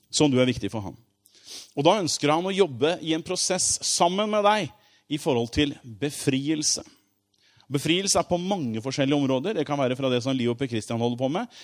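A man giving an informal sermon, explaining with everyday examples in a conversational way, with frequent asides and fillers, drawing out key words slowly for emphasis. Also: fairly high pitch. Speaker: preacher.

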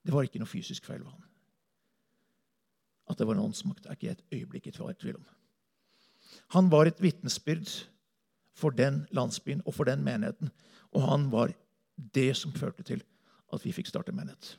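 A man's voice: mid-range voice, gravelly, long pauses, a little mellow, breathy edge. A man who is a missionary preacher, telling earnest stories in a sermon to a congregation. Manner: earnest storytelling, speaking to a congregation. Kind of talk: sermon testimony.

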